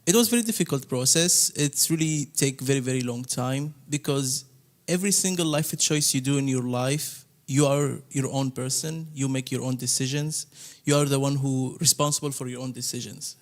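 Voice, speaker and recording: A man speaks earnestly on a panel. His phrasing is slightly broken, and his pitch sits in an ordinary middle range. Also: moderate pace. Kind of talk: panel discussion.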